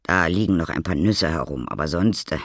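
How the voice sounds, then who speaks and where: A man's voice: low voice, fairly quick, fairly bright tone, dry recording, studio quality. A man voicing a sleepy, easygoing father who reassures. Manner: yawning, reassuring.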